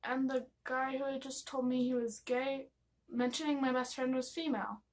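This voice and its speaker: A young woman with an American accent and a fairly high voice shares a casual, confessional storytime. Her delivery is gossipy and giggly, rambling along and slipping into quoted dialogue like she is confiding in friends. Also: steady tone, normal speed. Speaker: vlogger telling personal stories.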